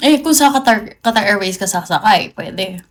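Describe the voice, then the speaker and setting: With lively intonation and a moderate pace, this medium-pitched voice belongs to a Filipino livestream host from the Philippines. She keeps things chatty and playful, slipping English into her casual talk.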